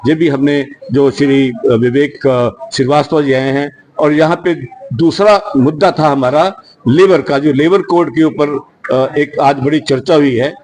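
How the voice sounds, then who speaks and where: A man's voice: fairly high pitch, fairly even intonation, measured pace, a little mellow, rough recording. A man who leads a security industry association gives an unscripted media statement in an earnest, rambling way, with frequent restarts.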